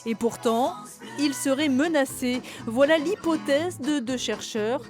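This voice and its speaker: A woman's voice: high-pitched, unhurried. A woman reads a scripted voice-over for a news report. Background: background music.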